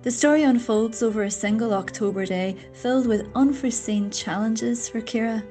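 A woman's voice: fairly high pitch, moderate pace, mellow. Woman presenter introducing over faint music. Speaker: radio presenter. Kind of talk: scripted programme introduction.

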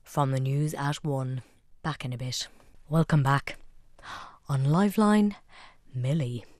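A woman's voice: very deep voice, takes it slowly, a little mellow, no room sound, clean studio sound. An Irish woman presenting on radio, reading scripted links in a wry way. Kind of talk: scripted narration.

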